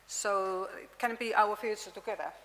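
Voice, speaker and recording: A woman presenting her university's project at a conference, earnest and halting, with many fillers. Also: medium pitch, steady tone, a bit bright, slight background noise. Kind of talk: conference pitch and answers. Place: conference hall with audience. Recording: reverberant conference hall.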